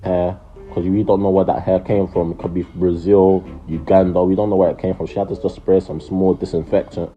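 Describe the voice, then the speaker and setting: A man's voice: low voice, level tone, a little fast, highs cut off, soft background music. A young man with a London accent and slangy roadman delivery, giving casual comedic voice-over commentary.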